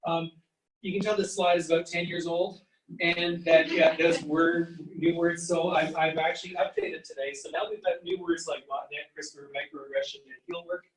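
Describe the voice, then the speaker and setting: A man's voice: on the high side, level tone, normal speed. A man giving a university psychology lecture, explaining step by step and sounding out letters and words. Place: lecture hall. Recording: echoey room, mic at a distance.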